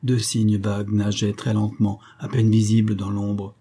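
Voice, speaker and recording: A man narrates an audiobook with a low, dark voice. There is a husky grain to it. His reading is measured and literary, with the steady phrasing of a set text. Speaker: audiobook reader. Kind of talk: scripted narration.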